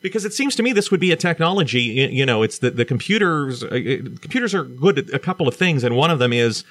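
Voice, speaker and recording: Halting male radio host, dry studio sound. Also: medium pitch, expressive, fairly bright tone, no echo. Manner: halting, repeats words when starting a question. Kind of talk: radio interview.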